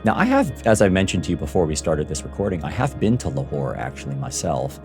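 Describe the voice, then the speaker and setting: A man's voice: low voice, huge pitch swings, quick pace, a little mellow, faint music behind. A man hosting a career podcast and asking his guest questions. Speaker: podcast host. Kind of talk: interview podcast.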